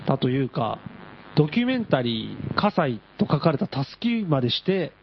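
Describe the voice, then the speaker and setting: A man hosting a radio show, reading a listener's letter aloud in a deadpan storytelling way. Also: medium pitch, moderate pace, creaky, slight background noise. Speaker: radio host. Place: radio studio. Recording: dull lo-fi radio audio.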